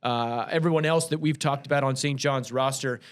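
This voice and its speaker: A man's voice: mid-range voice, fairly quick, clear, resonant tone. A man co-hosting a casual local sports show, rambling and self-correcting as he previews games.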